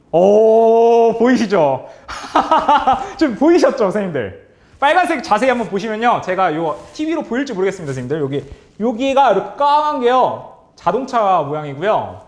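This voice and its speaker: Upbeat high-voiced man leading a workshop. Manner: upbeat and animated, often calling on the audience and praising answers; chuckles often between remarks. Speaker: career-education trainer leading a teacher workshop. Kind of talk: online workshop quiz for teachers.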